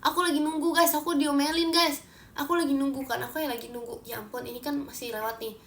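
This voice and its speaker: A woman's voice: high-pitched, fairly even intonation, quick pace, a bit bright, slight background noise. A young Indonesian woman hosting a casual livestream, chatting and giggling as she reads viewer comments. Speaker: idol livestream host.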